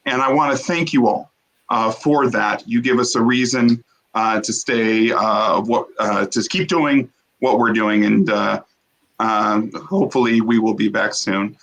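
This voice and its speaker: A man hosting a theater show from home on a video call, talking in a halting way with many fillers, heartfelt and thankful. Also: lowish voice, fairly even intonation, fairly bright tone, low-quality recording. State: briefly emotional, coughing. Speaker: host. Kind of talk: casual closing remarks on a video call.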